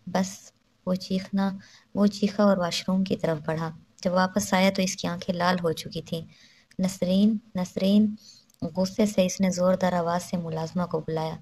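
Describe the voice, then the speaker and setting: A woman's voice: on the low side, flat delivery, darkish tone. A woman narrating a romance novel aloud, reading every character in her own voice with little change. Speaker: novel reader.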